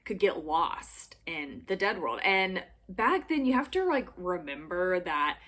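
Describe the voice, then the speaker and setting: A woman's voice: on the low side, big pitch swings, unhurried, a bit bright. Young female vlogger, casual and giggly, talking straight to camera from home. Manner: chatty, giggly, lots of filler words. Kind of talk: casual explainer vlog. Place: home room with backdrop.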